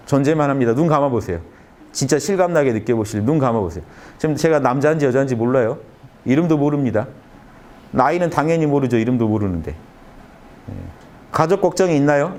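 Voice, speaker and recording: A man giving a lecture to young adults in a conference room, talking listeners through a calming exercise with short repeated phrases and emphatic stresses. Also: fairly quick, long pauses. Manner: lively, emphatic delivery with sudden rises in pitch. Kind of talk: motivational humanities lecture.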